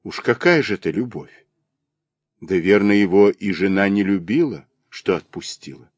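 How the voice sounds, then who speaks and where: A man's voice: deep voice, expressive, normal speed, no echo. A male audiobook reader voicing a young peasant woman who is devoted and jealous, speaking with reproachful, emotional pleading.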